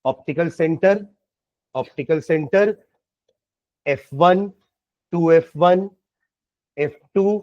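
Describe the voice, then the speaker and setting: A man's voice: fairly high pitch, slow pace, pauses often, a little mellow, no room sound, dull audio. A man with an Indian accent teaching science, working through problems step by step and quizzing his students. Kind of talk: classroom lecture solving problems.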